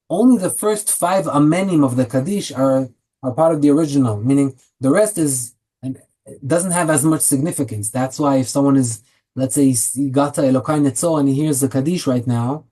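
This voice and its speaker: A man with an Israeli accent teaching a casual weekly Torah class, lively and joking with his students. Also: mid-range voice, low-quality recording.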